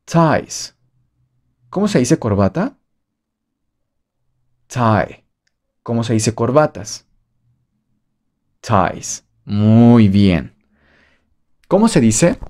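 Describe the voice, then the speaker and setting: Playful Mexican teacher, slow drills. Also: male voice, mid-range voice, a little mellow. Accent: Mexican Spanish. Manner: playful, jokey, drills with repetition. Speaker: English teacher. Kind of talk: online beginner English lesson.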